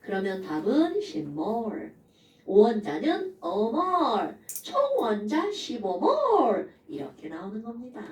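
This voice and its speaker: Lively high-voiced woman teaching chemistry. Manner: animated, playful, asks students rhetorical questions. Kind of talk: lively classroom lecture. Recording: echoey room, voice a bit far from mic.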